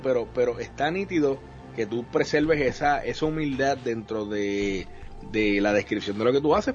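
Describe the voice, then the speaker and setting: A male podcast host with a middle-pitched voice. He asks long, winding questions padded with fillers and English words. The recording is dull and lo-fi, with faint music under it. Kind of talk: conversational interview.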